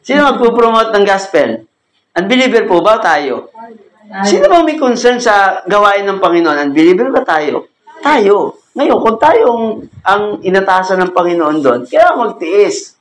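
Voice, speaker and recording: Here the pastor's voice is high-pitched and swings widely, moving at a somewhat slow pace as he runs a cell group Bible lesson. His style stays chatty, full of jokes, laughter, and questions for the group, in an echoey room with faint ambient noise.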